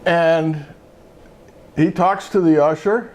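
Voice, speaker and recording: A man's voice: on the high side, takes it slowly, a little mellow. An older man, a retired judge and show host, telling a rambling story in casual chat with many fillers and restarts.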